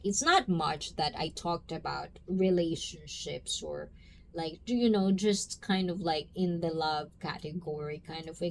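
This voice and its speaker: A woman's voice: lowish voice, gravelly, a little mellow, a little hiss or hum. A woman hosting a casual live stream, chatty and full of "you know" and "like", greeting viewers by name. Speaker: livestream host. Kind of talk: casual live-stream chat reading comments.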